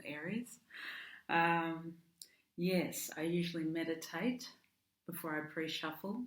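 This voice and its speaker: Slow, low-voiced woman reading tarot. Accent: Australian. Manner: hesitant, with many ums and restarts. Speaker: tarot card reader. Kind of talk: casual monthly tarot reading. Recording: echoey room.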